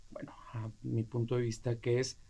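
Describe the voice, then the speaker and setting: A man hosting an interview, asking probing questions in a measured, conversational way. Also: medium pitch, monotone, creaky, warm tone, breathy edge. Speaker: interview host.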